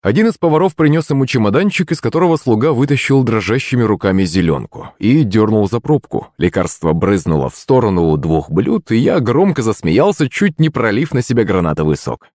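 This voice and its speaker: A man narrating a comic story in an expressive, lively storytelling manner. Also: on the low side, no echo, clean studio sound. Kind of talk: audiobook narration.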